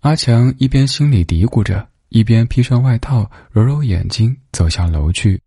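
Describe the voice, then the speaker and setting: A man narrating a storybook in a gentle, unhurried way. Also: mid-range voice, animated, slightly rough, dry recording, clean studio sound.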